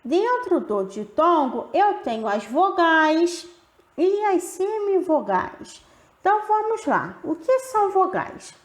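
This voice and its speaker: Slow, echoey woman teaching. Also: extremely high pitch, sing-song. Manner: slow, drawn-out, stretching example words. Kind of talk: grammar lesson. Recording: roomy echo.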